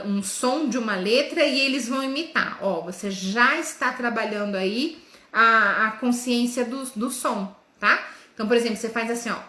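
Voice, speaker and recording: A woman teaching other teachers. She talks in a didactic way, checks in with "né?" and "tá?" throughout, and sounds out letters and syllables slowly in her demonstrations. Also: on the high side, bright, forceful tone, reverberant. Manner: didactic, with frequent "né?" and "tá?" check-ins. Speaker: educator. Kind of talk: lesson for teachers.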